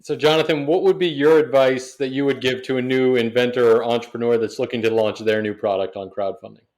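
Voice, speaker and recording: A man's voice: mid-range voice, steady tone, a little fast, darkish tone. A man hosting a podcast, asking his guest short, prompting questions. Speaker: podcast host. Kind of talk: interview questions.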